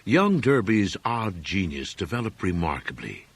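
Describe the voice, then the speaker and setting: Reading a horror story aloud, this audiobook narrator has a low, slightly husky voice. His scripted delivery is measured, solemn and deliberate yet also very animated, with no echo in the recording.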